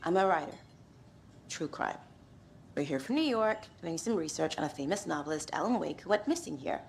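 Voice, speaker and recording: A gravelly, sardonic crime writer. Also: female voice, deep voice, animated, brisk, a little hiss or hum. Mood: wry. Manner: sardonic and dry. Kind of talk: video game dialogue.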